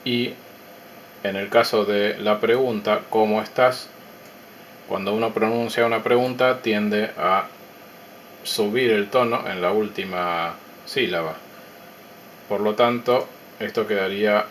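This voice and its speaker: Walking through an electronics build, a man keeps his explanation measured and calm, pausing between each idea. A faint background hiss accompanies his somewhat low voice in this technical demo.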